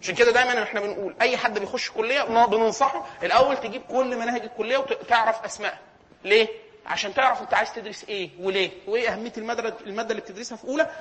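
A man's voice: sits high, a bit bright, slight background noise. A man with an Egyptian accent giving a lecture, asking himself questions and answering them. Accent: Egyptian Arabic. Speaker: teacher of Islamic sciences.

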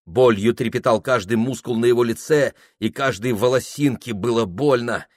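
A man giving a dramatic, expressive audiobook reading of a literary story. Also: mid-range voice, moderate pace, dry recording, clean studio sound. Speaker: reader.

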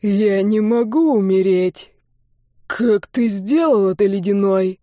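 A woman voicing a villainous male warlock duke with a hoarse voice, a slight burr and a slow, mocking, taunting delivery. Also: medium pitch, a little mellow, dry recording, studio quality, close to an everyday voice. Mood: disbelieving.

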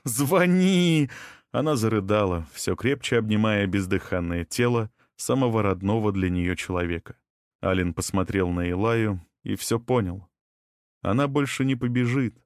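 A man reading a dramatic audiobook with a tense, expressive delivery. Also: fairly low pitch, moderate pace, dry recording, clean studio sound. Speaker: audiobook narrator.

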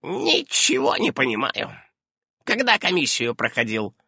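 A high, shrill old witch, as a man puts her on for an audiobook. She is fussy and brisk, firing questions and cutting in, her voice swooping up and down. A husky, dry sound runs under it. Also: wildly swooping pitch, pushed and bright, no room sound, exaggerated voice. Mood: brisk, prying. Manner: shrill, darting, interrupting. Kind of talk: audiobook character voice.

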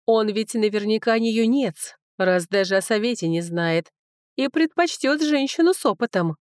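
A woman reading an audiobook, voicing a brash, flirtatious village widow who talks loud and indignant. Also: on the high side, expressive, moderate pace, dry recording, clean studio sound, natural voice.

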